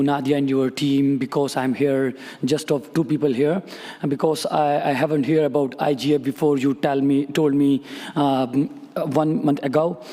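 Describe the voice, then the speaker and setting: A man from Pakistan commenting from the floor of a conference hall, earnest and halting with many fillers. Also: a little high, mellow. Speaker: audience member commenting. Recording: long hall reverb.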